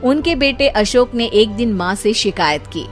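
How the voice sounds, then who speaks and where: A woman narrating a children's moral story in a lively, playful way. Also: fairly high pitch, measured pace, faint music behind.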